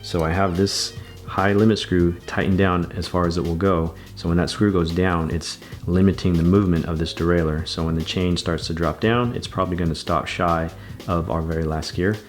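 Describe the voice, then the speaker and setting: A man's voice: low-pitched, fairly even intonation, moderate pace, faint music behind. A man giving a patient, methodical bike repair tutorial, talking through each step as he works. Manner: patient, methodical, repeats steps.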